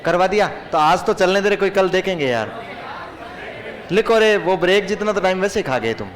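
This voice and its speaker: A man teaching a class, who dictates points slowly, repeats them, and chats and jokes with the students. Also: sits high, lively intonation, a faint crowd.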